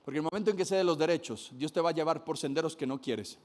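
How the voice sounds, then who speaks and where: A man's voice: a little high, quick pace, a little mellow. A man preaching a sermon, emphatic, repeating key phrases and speaking straight to his listeners.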